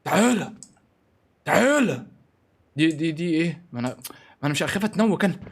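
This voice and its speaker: A young man with an Egyptian Arabic accent gives live commentary on a mobile shooter game. He sounds excitable and panicky and keeps pleading with his teammates for help. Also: a little high, fast talker, vocal fry, slightly rough. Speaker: gaming streamer.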